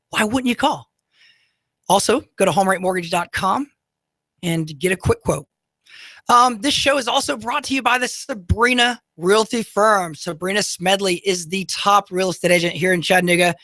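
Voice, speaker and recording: A man in his thirties hosts talk radio, delivering a monologue with ad reads into a studio microphone with a dry sound and no room tone. His high, unusual voice, often mistaken for a woman's, comes across pushed and bright. He's upbeat and motivational, with many fillers.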